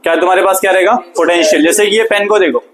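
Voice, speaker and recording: A man, teaching a physics lesson through an animated story and repeated questions to the class. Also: sits high, very fast, a loud crowd, poor audio.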